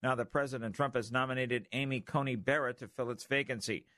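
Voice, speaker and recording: A man's voice: medium pitch, fairly even intonation, a little fast, bright, forceful tone, no echo, studio quality. A man with an American accent reading scripted radio news as an anchor.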